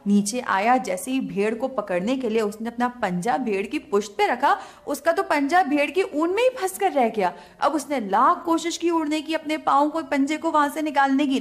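A woman narrating a children's fable, ending with a gentle moral for kids. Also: high voice. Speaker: storyteller.

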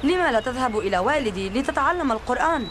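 A woman's voice: sits high, lively intonation, fast, a bit bright, slight background noise. A woman playing an eager, stubborn little village boy in a film drama.

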